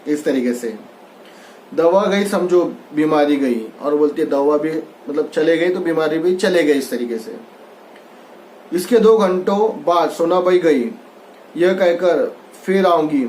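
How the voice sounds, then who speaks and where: A man's voice: on the high side, a little mellow, slight background noise. A man teaching a Hindi textbook lesson. He reads a line and then re-explains it loosely, mixing in English words. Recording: echoey room.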